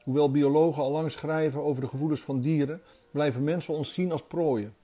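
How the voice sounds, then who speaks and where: A man's voice: a little high, fairly even intonation, a little fast, warm tone, slightly rough. A man voicing a talking male deer in a storybook, who speaks earnestly and urgently as a messenger.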